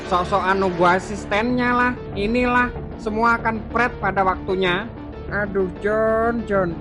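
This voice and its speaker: A woman's voice: mid-range voice, fairly even intonation, a little slow, close to an everyday voice. A woman voicing a nosy, chatty neighborhood chief who talks with incredulous fuss, over music. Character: fussy nosy neighborhood chief, middle-aged man. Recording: clear music bed behind voice.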